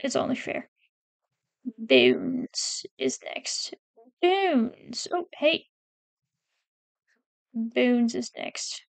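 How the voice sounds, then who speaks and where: A PNGtuber ranking game characters chats casually while reading a wiki, her high voice gravelly with fry and swinging hugely in pitch. She speaks very slowly, pausing often, hesitating, self-correcting, trailing off and restarting as she reads quotes aloud. The sound is close and dry with no room sound.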